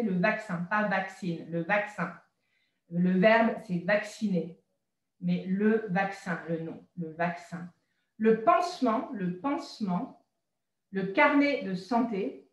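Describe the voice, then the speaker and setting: A woman teaching vocabulary slowly, repeating each word and adding short hesitant asides. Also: mid-range voice, reverberant, rough recording. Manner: repeats words twice, adds short asides and hesitant fillers. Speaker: French teacher.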